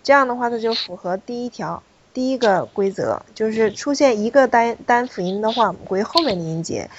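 A woman with a medium-pitched voice teaches a French pronunciation class, explaining the rules step by step, repeating key points, and calling on students. The audio has its highs cut off and a noisy background.

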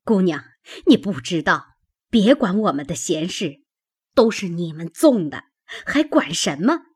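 A woman's voice: fairly low pitch, very animated, unhurried, a little mellow, husky, exaggerated voice. A woman voicing a stubborn old female servant who scolds sharply in a classic novel reading. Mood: defiant.

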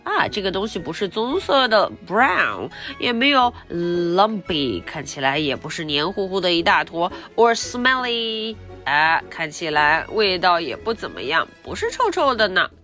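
Storyteller, young woman, unhurried, playful, swooping up and down, reads then explains for children. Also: on the low side, big pitch swings, pushed and bright, faint music behind. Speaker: picture-book reader for children. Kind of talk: bilingual storybook read-aloud.

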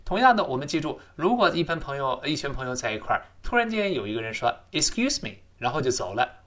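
Lively, bright-voiced male English teacher. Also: mid-range voice. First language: Chinese. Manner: explains and models English phrases, repeating them slowly. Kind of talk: recorded language lesson.

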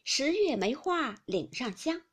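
A woman's voice: high voice, very animated, measured pace, pitched above the performer's own voice. A woman voicing a genteel middle-aged aunt in a storybook reading, speaking in a modest, polite way. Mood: recitative. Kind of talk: audiobook character reading.

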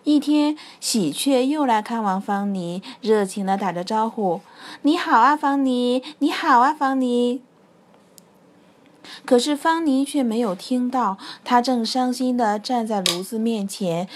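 A woman narrating a bedtime story for children, slow and expressive. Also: medium pitch.

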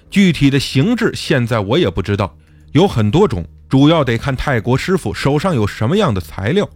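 Man narrating a story with lively intonation. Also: medium pitch, no echo. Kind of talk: first-person audiobook narration.

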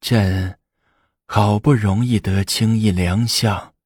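A man voicing an aged, weary empress who speaks slowly and with displeasure, in a husky voice. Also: on the low side, fairly even intonation, a little mellow, dry recording, clean studio sound. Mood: displeased. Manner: slow, grudging, displeased. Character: aged weary empress, imperious, old woman.

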